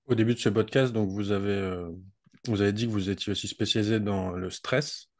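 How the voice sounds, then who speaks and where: A man hosting a podcast, asking his guest questions in a halting, hesitant way. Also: fairly low pitch, fairly even intonation, darkish tone. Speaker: podcast host interviewer. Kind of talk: interview questions.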